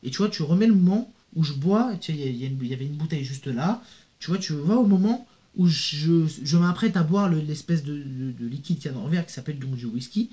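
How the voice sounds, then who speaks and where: A young YouTuber in a casual vlog reads viewer comments aloud and answers them, rambling in slangy speech and talking straight to the viewer. His voice is fairly high, expressive, and mellow, and he speaks fast. The recording sounds dull and lo-fi.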